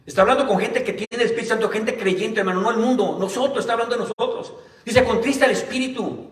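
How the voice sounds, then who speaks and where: A male pastor preaching a Sunday sermon. He keeps calling the listeners "brother" and reads the scripture slowly and deliberately. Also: high voice. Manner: tells personal stories in a plain conversational way. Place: church hall. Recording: roomy church hall, mic at a distance.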